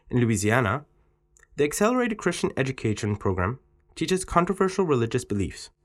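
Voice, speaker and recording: Guy reading an english exam passage, voice swoops up and down a lot. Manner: lively, expressive reading with pitch swings on quotes. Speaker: exam text reader. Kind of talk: reading an exam text aloud.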